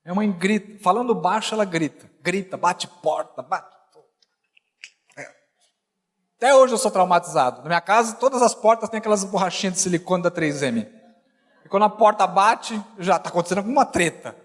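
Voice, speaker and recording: A middle-aged male pastor preaching a sermon, joking and conversational, then rising to shouted emphasis. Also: high-pitched, expressive, a little fast. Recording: long hall reverb.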